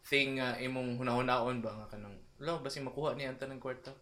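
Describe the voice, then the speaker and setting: A woman's voice: extremely low pitch, steady tone, quick pace, over a noisy crowd. A woman with a Filipino accent in casual group chat, mixing languages as she speaks. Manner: mixes English with Filipino languages.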